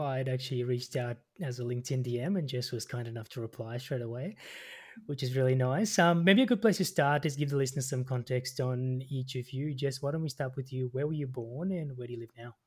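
A man's voice: mid-range voice, a little fast, darkish tone. A man hosting a podcast interview, asking questions in an upbeat, friendly way. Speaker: podcast host.

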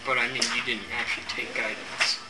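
A man's voice: mid-range voice, little pitch movement, a little fast. A man bantering casually as a player in a tabletop game. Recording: distant mic, very noisy room.

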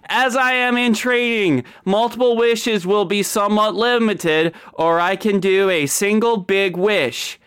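A man's voice: high voice, unhurried, hardly any pauses, fairly bright tone, clean tone, pitched above the performer's own voice. A man voicing a bookish young female genie in training, flustered and eager, reciting like scripted customer service in a tabletop game. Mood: formal, eager.

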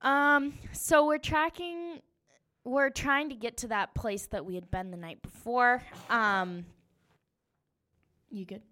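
Young woman, hunter recounting her trip; smooth, clear voice, animated and chatty. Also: a little high, takes it slowly. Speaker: hunter telling her story. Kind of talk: casual storytelling.

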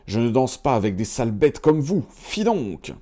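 Man doing rude spoiled girl, curt, scornful, low and mellow. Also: normal speed, natural voice.

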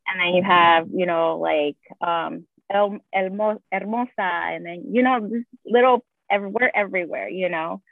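A woman with a lowish, vocal-fried voice speaks at a normal speed, with no room sound. She's a native Spanish speaker, a guest nurse chatting casually and using lots of fillers. The call audio is tinny, phone-like and dry.

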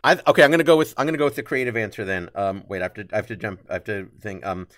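A man's voice: fairly low pitch, rapid-fire, fairly bright tone, dry recording. A man hosting a podcast game show, bantering casually and making jokey guesses.

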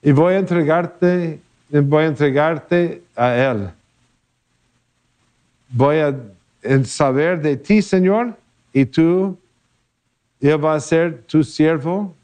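A man preaching in a homily who voices a childless woman's prayer in a lowered, soft, pleading tone. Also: slow pace, long pauses. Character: barren woman praying to God, pleading.

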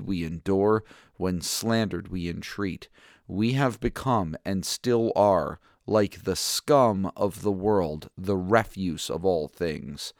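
A man's voice: on the low side, dry recording, clean studio sound. A man hosting a Bible reading podcast, explaining passages in a casual, thinking-aloud way, often restarting phrases and checking in with "right?". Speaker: podcast host teaching through a Bible reading plan. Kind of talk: casual Bible teaching commentary.

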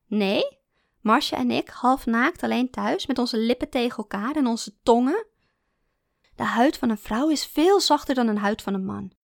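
A woman's voice: on the high side, lively intonation, normal speed, creaky, no room sound, studio quality. A woman voicing a frank, blunt young wife in a read-aloud story, speaking matter-of-factly. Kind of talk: audiobook reading.

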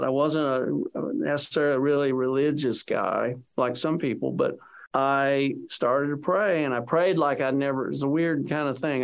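A man with a gravelly, fry-heavy voice at a middle pitch recounts a personal story for an interviewer. He rambles and circles back, leaning on "you know", and slips into the voices of the people he quotes. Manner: acts out quoted speech of others.

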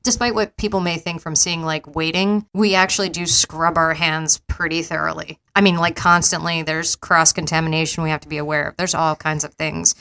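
Woman, lowish voice, laughs easily, casual podcast chat, quick agreeing yeahs. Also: little pitch movement, sharp tone. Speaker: podcast co-host.

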